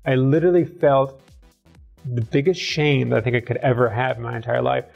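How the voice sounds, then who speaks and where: A middle-aged man from the American South, a guest in an interview, talking candidly with a quick, self-deprecating, sardonic wit. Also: mid-range voice, steady tone, creaky, slightly rough, highs cut off, soft background music. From southern United States. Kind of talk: candid conversational storytelling.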